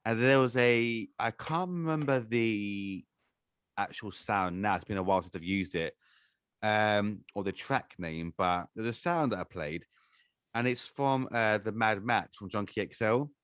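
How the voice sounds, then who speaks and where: Male podcast host, lowish dry voice, easy chatter punctuated by laughs. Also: a little slow, fairly bright tone, smooth, dry recording. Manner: laughs often, chatty and enthusiastic. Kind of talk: casual chat.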